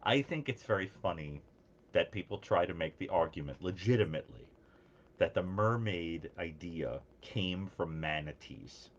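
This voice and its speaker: A man co-hosting a casual call-in show, telling animated stories and laughing at his own jokes. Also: deep voice, normal speed, highs cut off. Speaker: podcast co-host.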